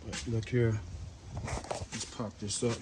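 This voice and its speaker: This channel host, a DIY mechanic, talks straight to his audience in an easygoing repair vlog filmed beside the car outside. A cold leaves him sniffling with a runny nose. He speaks slowly in a lowish voice, with background noise present.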